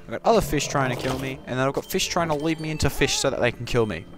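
A man giving goofy, casual gameplay commentary, talking to the game and breaking into sudden loud yelps. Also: mid-range voice, quick pace. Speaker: gaming commentator. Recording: game music behind the voice.

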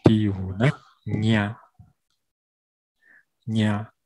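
A man interpreting a grammar lesson, spelling out syllables one by one with frequent pauses. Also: on the low side, steady tone, a little mellow, husky, no room sound, poor audio. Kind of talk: slow spoken lesson.

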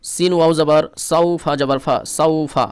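A man with a Bangladeshi Bengali accent leads a spelling-drill lesson in a clear, resonant voice with a slightly raised, flat pitch. He spells each syllable patiently and repetitively. The sound is dry and close. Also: a little fast, dry recording. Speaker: Quran reading teacher.

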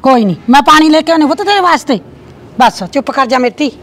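A middle-aged actress with a Malwa Punjabi accent plays a consoling village mother and aunt who talks in a gentle, motherly way in a short film drama. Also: high-pitched, animated, fast talker. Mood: soothing. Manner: soothing, motherly. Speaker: actor.

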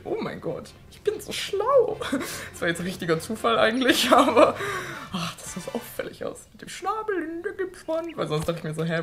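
A young woman hosting a let's play, chatting excitably with frequent swearing and sudden shrieks. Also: lowish voice. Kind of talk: casual gameplay commentary. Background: faint game music.

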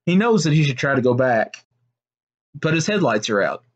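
A man narrating a made-up story in a steady, unhurried way, with small slips and restarts. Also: mid-range voice, husky, highs cut off.

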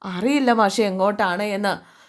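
A woman's voice: medium pitch, normal speed, natural voice. A woman voicing an evasive older man who reports events matter-of-factly. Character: older man Ramanathan, evasive, plain-spoken.

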